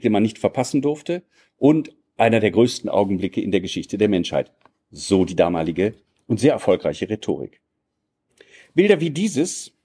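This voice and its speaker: Lecturer, male, formal and measured, dark husky tone. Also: medium pitch. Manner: measured, formal and elaborate phrasing. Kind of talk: academic lecture.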